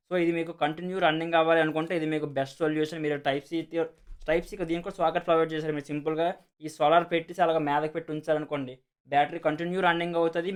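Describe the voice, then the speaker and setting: With a smooth voice on the high side, a man speaking with a Telugu accent casually explains and demonstrates a product as a video host. He repeats himself a lot and mixes in many English words.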